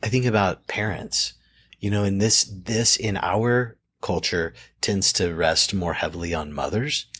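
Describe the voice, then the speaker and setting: A man's voice: deep voice, unhurried, a bit bright, breathy edge. A man hosting an interview in a casual, conversational way, agreeable and affirming. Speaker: interview host.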